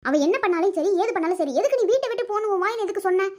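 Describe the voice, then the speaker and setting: A woman voicing an older village mother-in-law in a cartoon, who scolds her family in a rapid-fire, sharp-tongued way. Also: very high voice, expressive. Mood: scolding. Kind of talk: Tamil village cartoon voice acting.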